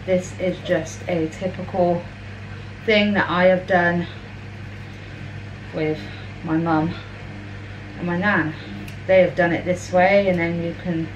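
Young woman, cooking vlog from her kitchen, slow unhurried chat, washing machine humming faintly behind. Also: on the low side, steady tone, highs cut off, a little hiss or hum. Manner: chatty, rambling and informal. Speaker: vlogger. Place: home kitchen, indoors. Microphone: camera on a counter at mid-distance. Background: washing machine running.

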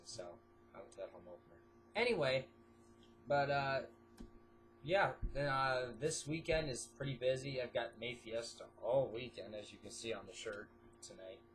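A teenage boy with a stuffy nose vlogs casually into a desk webcam in his small bedroom, rambling, using lots of fillers and hopping between topics. His voice is mid-range, and the poor audio carries a little hiss or hum.

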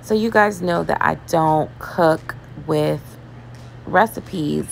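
Gravelly, slow-talking woman cooking at home. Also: sits low, slight background noise. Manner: relaxed and chatty, with laughs and fillers. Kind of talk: casual cooking voice-over. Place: home kitchen.

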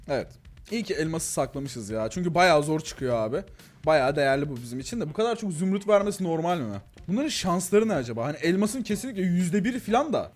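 Excitable young man with a lively voice. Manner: excitable, chatty, talks to viewers as "gençler" and "abi", frequent laughs; voice swings between thin and deep registers. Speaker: gaming YouTuber. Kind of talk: casual Let's Play commentary.

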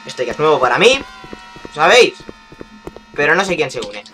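A man's voice: on the high side, very animated, a little fast, bright, forceful tone, a little hiss or hum, poor audio. A young man giving playful, chatty commentary on a game he is playing and talking straight to his viewers. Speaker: gaming YouTuber. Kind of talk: casual gameplay commentary.

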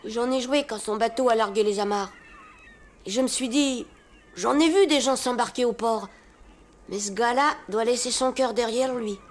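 A woman's voice: on the high side, moderate pace, lightly acted. A woman voicing a plucky, cheeky young boy stowaway in a storybook record. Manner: cheeky, lively.

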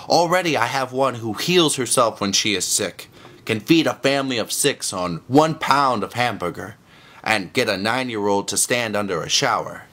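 A man's voice: mid-range voice, lively intonation, moderate pace, sharp tone. A man voicing the Lord as a proud, patient male creator, speaking earnestly. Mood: eager.

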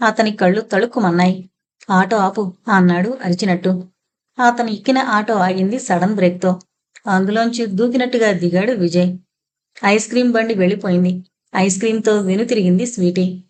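A woman narrating a suspense audio novel as a dramatic storytelling reading. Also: medium pitch.

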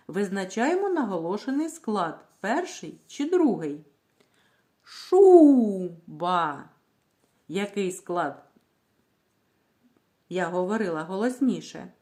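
A woman teacher leads a literacy lesson for small children, her voice rising and falling in a lively way. She speaks at an unhurried, slow pace, drawing out each word syllable by syllable. She asks the class a question, then gives the answer herself. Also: medium pitch. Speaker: primary school teacher.

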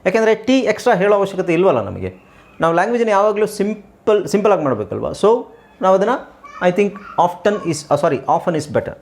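A male teacher walks through English words one by one, saying each several times so learners can copy it. His pitch swings widely and sits a bit high. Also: sing-song, creaky. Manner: repeats words slowly for drilling. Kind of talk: pronunciation lesson.

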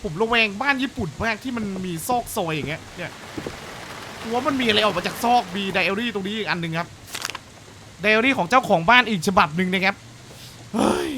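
A man's voice: high-pitched, animated, brisk, long pauses, background noise. A young man streaming a horror game, chatting to viewers, cursing and yelping when startled. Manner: jumpy, swears and shrieks at scares. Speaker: gaming streamer. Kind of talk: horror game let's-play commentary.

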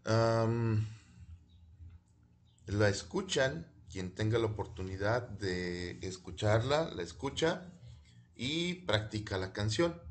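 Male English teacher, unhurried, repeats each word for young pupils. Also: fairly low pitch, expressive. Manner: repeats words slowly for pupils. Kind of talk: bilingual classroom video lesson.

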